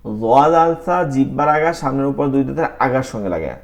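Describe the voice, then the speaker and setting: A man's voice: mid-range voice, expressive, normal speed, creaky. A man teaching a Quran pronunciation class online, patiently drilling letter sounds syllable by syllable and explaining how the tongue and teeth make each one. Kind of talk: online tajweed class, call-and-response drills. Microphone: online class call.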